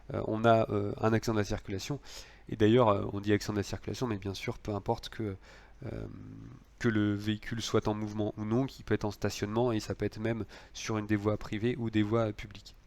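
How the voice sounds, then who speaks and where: A man's voice: fairly low pitch, a little mellow. A man lecturing on law, explaining cases with frequent fillers and restarts.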